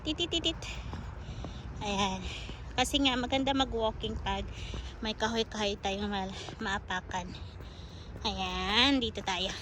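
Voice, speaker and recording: A woman with a medium-pitched voice talks slowly and pauses often over a noisy background, walking a park trail outdoors and chatting to her viewers in a casual vlog shot on a handheld phone. She's out of breath on an uphill stretch, yet stays chatty and coaxing, slipping into sing-song baby talk with a squirrel.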